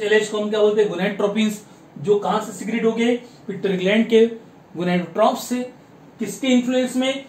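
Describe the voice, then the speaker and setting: A man teaches biology in a slow, deliberate way, posing questions and then answering them himself. His voice sits high, and the room gives it a strong echo. A faint hiss runs underneath. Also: darkish tone. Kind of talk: classroom biology lecture. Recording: echoey room with faint noise.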